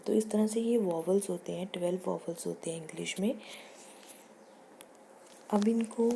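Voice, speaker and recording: A woman teacher giving a recorded lecture on pronunciation, reading lines slowly and explaining them in Hindi. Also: lowish voice, vocal fry, dark tone, slight background noise. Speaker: teacher educator.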